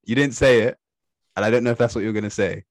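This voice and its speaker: A man's voice: lowish voice, fairly even intonation, very fast, no room sound. A man chatting casually as a podcast host, informal and questioning. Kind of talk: casual chat.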